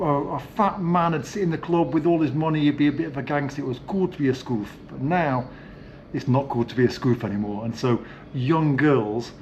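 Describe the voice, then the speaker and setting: On a handheld camera, a British man hosts a laid-back vlog, strolling through a hotel and down into a sauna cellar while chatting loosely with lots of fillers. His voice sits on the high side and is slightly mellow. The audio has its highs cut off, with a faint hiss or hum.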